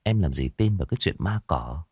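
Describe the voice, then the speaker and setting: A man voicing a calm young man who speaks softly and coaxingly to his frightened girlfriend. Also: deep voice, brisk, husky, no echo, clean studio sound, voice pushed down, exaggerated voice. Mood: soothing. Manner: soft, hushed, coaxing.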